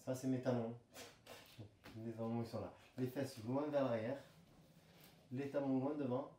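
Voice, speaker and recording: A pilates teacher leads a workout from a room at home, speaking at a measured pace in a medium pitch as he calmly cues breathing, counts breaths, and directs movements. The audio is roomy, from a distant camera mic, with slight hiss or hum.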